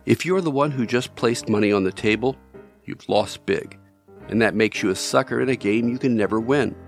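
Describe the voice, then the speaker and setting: A man hosting a podcast, reading scripted narration in a measured storytelling way, addressing the listener directly. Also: lowish voice, music in the background. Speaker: podcast host.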